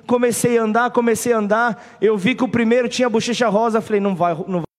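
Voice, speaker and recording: A man's voice: very high voice, quick pace, in a large hall. A man with a Brazilian Portuguese accent, a pastor telling a funny story in a sermon. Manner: humorous animated storytelling.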